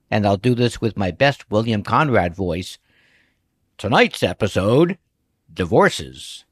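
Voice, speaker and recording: A man's voice: mid-range voice, no room sound, studio quality. A man hosting his own podcast, talking through his bookkeeping work in a chatty monologue that wanders into asides. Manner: chatty, prone to digressions.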